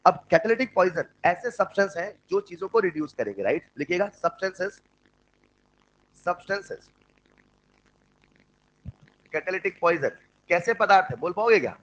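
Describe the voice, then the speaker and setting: A man teaching chemistry in an online class, with an Indian accent when he switches to English, who dictates notes slowly and jokes with his students. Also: sits high, sing-song, a bit bright, muffled recording. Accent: Indian English mixed into Hindi.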